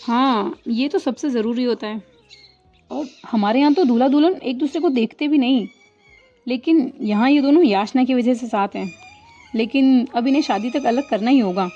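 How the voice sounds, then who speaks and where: A woman's voice: a little high, normal speed, lo-fi sound. A woman voicing a cheerful middle-aged mother who speaks in a light, joking way.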